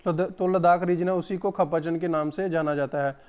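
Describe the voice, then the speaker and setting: A hoarse man giving an exam-prep lesson, repeating each answer and calling his viewers friends. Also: on the high side, steady tone, moderate pace, a little mellow, dull audio. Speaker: exam coach.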